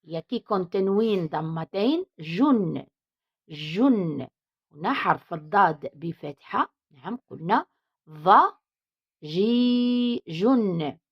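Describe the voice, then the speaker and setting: A woman teacher with a Moroccan Arabic accent, slowly sounding out letters and words in a reading lesson and explaining in both Arabic and Spanish. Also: on the low side, animated, husky. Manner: slow, drawn-out syllable-by-syllable reading. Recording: dull lo-fi recording.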